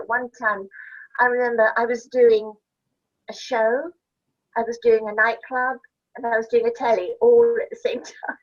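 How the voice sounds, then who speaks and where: Chatty older Scottish-born woman, dull sound. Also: fairly high pitch. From Scotland. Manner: chatty, laughing, rambling anecdotes. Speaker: interview guest, actress. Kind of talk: casual chat.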